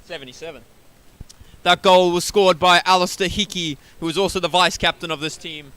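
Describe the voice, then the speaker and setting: A man's voice: sits high, fairly even intonation, brisk, pushed and bright, clean tone. An Australian man giving live play-by-play commentary, chatty and often correcting himself with apologetic asides. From Wollongong, Australia. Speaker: sports commentator.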